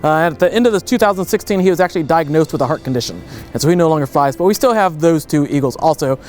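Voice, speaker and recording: A young man talks quickly in a fairly high voice, explaining in an anecdotal way as a raptor center educator. He is recorded outdoors on a field, with faint music beneath. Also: expressive, darkish tone. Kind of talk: informative interview answers.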